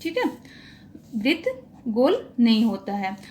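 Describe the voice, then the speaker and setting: A woman's voice: on the high side, huge pitch swings, takes it slowly, darkish tone. A woman teaching a grammar lesson to exam students, explaining patiently and saying each vowel sound aloud for listeners to repeat.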